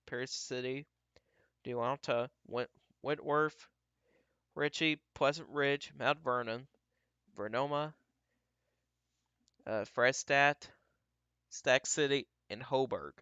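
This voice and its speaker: Guy livestreaming storm tracking, casual halting commentary kinda to himself, dry slightly dull mic. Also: mid-range voice, bright, forceful tone, clean tone, no echo. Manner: talks to himself while scanning, halting and repetitive. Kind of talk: live weather radar commentary, casual and off the cuff.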